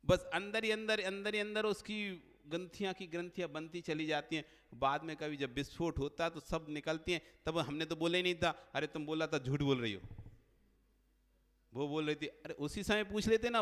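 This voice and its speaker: Male monk preacher, high voice, lively storytelling sermon with acted dialogue, long hall reverb. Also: normal speed. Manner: animated storyteller acting out dialogue.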